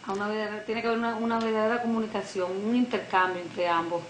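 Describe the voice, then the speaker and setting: A woman's voice: medium pitch, steady tone, fast. Hesitant Dominican woman in an echoey room. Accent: Dominican Spanish. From Dominican Republic. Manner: hesitant, searching for words. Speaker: piano and French teacher. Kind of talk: interview answers. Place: living room on a sofa. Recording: echoey room, noisy old video tape.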